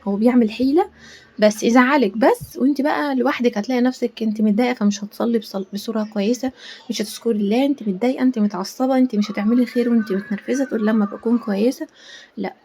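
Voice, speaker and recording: Cooking at home in her kitchen, an Egyptian-accented woman talks in a meandering, casual way, sprinkling in frequent pious remarks. She speaks rapid-fire in a fairly high, dark-toned voice, with slight background noise.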